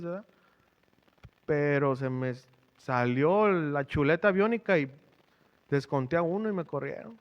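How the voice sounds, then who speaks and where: A man's voice: high-pitched, lo-fi sound. A middle-aged man preaching a sermon, questioning the congregation in a conversational way. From Mexico. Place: church.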